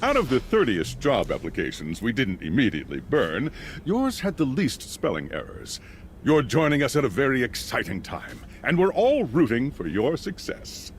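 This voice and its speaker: Swooping glib corporate announcer. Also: male voice, medium pitch, wildly swooping pitch, moderate pace, slight background noise. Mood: glib, upbeat. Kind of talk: scripted corporate narration.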